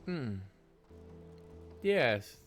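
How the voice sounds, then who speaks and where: A man voicing a creepy, overly polite male shopkeeper with a taste for flesh, speaking slowly and curiously. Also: medium pitch, very animated, soft background music, pitched above the performer's own voice. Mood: sly salesman. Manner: slow, curious, oddly polite. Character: creepy soft-spoken male shopkeeper who eats people.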